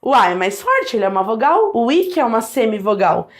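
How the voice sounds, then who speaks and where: A woman's voice: a little high, fairly quick. A woman teaching a Portuguese grammar lesson, talking straight to viewers and sounding out vowels and consonants for them to repeat. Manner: lively, addresses viewers directly, models sounds aloud.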